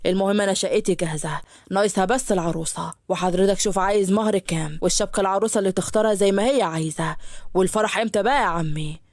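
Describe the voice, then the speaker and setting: A woman's voice: medium pitch, very fast, a little mellow, no room sound, clean studio sound, voice pushed down, close to an everyday voice. A woman voicing a cocky, playful young male doctor in an Egyptian Arabic storybook tale, boastful and pushy.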